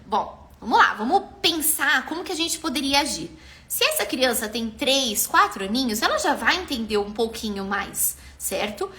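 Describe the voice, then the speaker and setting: Lively bright-voiced Brazilian woman educator. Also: sits high, moderate pace. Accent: Brazilian Portuguese. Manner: animated, acts out parent and child lines. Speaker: parenting educator hosting a live stream. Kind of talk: casual live-stream talk on parenting.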